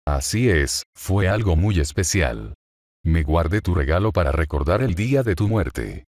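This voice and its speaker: A man's voice: deep voice, sing-song, unhurried, a little mellow, no room sound, clean studio sound, heavily acted. A man voicing a cruel, taunting female fallen angel in a fan story reading, in a mocking, gloating manner.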